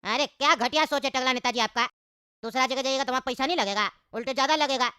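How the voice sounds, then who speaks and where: A woman's voice: high voice, fast talker, pushed and bright, smooth, dry recording, studio quality. A woman voicing a persuasive male party organizer in a cartoon. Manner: persuasive, coaxing. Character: smooth-talking male party planner. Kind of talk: cartoon voice acting.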